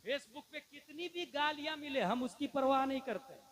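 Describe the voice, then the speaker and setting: A man preaching a sermon, shifting from quiet talk to shouted, impassioned peaks and quick Arabic recitation. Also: very high voice, expressive, low-quality recording. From India. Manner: breaks into rapid Arabic recitation. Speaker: Islamic preacher.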